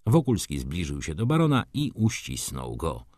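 A man narrating a classic novel as an audiobook, in an expressive, dramatic storytelling manner. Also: rumbling low, moderate pace, dry recording, studio quality.

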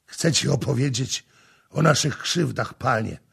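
A man voicing a battered, desperate male laborer who pleads loudly. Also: mid-range voice, unhurried, gravelly, husky, heavily acted. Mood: pleading. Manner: loud, pleading.

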